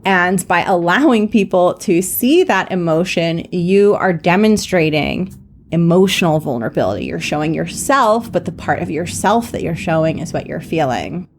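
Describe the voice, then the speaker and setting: A woman's voice: fairly low pitch, lively intonation, moderate pace, slight background noise. Earnest, reassuring woman podcast host. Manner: earnest, reassuring, many "like" fillers and "right?" tags; laughs at herself. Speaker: podcast host and confidence coach. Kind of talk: solo podcast teaching.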